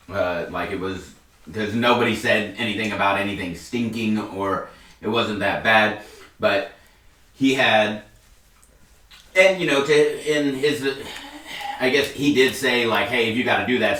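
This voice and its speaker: A man's voice: on the low side, pushed and bright. A man telling a rambling story in a laid-back way while he eats. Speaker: mukbang co-host. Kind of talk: casual chat while eating. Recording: echoey room, mic far off.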